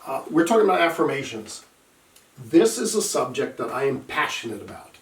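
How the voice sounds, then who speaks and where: A man's voice: mid-range voice, sing-song, brisk. A middle-aged man, a recovery coach, talking earnestly and emphatically to camera and telling stories from his own life. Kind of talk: casual talk to camera. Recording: echoey room, mic at a distance.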